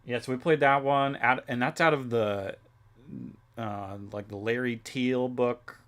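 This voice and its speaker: Young male streamer, casual rambling chat, filler-heavy, mid pitch. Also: steady tone, a little slow, a bit bright. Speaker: livestreamer.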